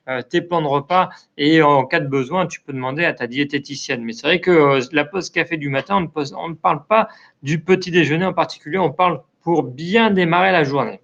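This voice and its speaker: A French man hosts a casual live chat with his online community, reading out viewer messages and answering each one kindly between frequent "euh" fillers. His voice sits a little high and has a gravelly edge, and his throat sounds dry. The stream audio is dull and lo-fi. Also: fairly bright tone. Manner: friendly, many hesitations and "euh" fillers.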